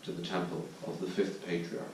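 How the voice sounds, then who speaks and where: Speaking quickly in a monotone, a man from Ireland delivers a Zen dharma talk, his darkish, slightly low voice pausing as he thoughtfully hunts for words. He's recorded from afar in the retreat centre's meditation hall, where heavy echo and faint background noise fill the space.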